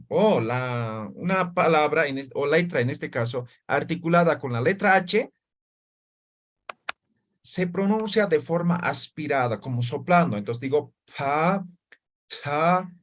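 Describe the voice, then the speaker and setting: A man teaching an online language class, explaining patiently, demonstrating sounds slowly and checking in with his students often. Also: a little high.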